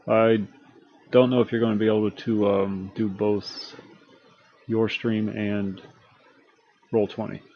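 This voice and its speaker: A man hosting a streamed online tabletop game as game master, chatty and relaxed while he sets things up. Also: lowish voice, slow, long pauses, lo-fi sound.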